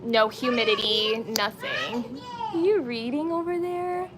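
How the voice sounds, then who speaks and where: A 29-year-old woman who streams beauty and lifestyle content talks to viewers in a relaxed, slangy way while getting ready live. Her high voice is very animated yet unhurried, and the recording is very noisy.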